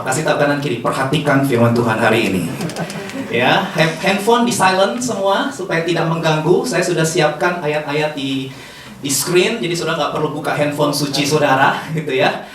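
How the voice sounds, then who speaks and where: Lively preacher in an echoey hall. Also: medium pitch. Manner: lively call-and-response with the congregation; playful, teasing, laughs often. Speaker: pastor. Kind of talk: sermon. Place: large hall with a congregation. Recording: roomy hall, distant mic, faint noise.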